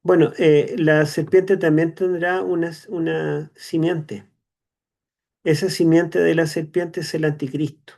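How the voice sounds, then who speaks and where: A Chilean man lectures on scripture to an online class. His voice sits a little high and has a gravelly edge, and he explains slowly, filling pauses with "eh" and checking in with tag questions. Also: little pitch movement, darkish tone. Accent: Chilean Spanish. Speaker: seminary teacher.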